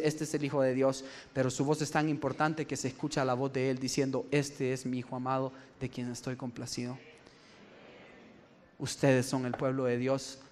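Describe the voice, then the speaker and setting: A man preaching a sermon, telling stories with humor and laughing along the way. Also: medium pitch. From El Salvador.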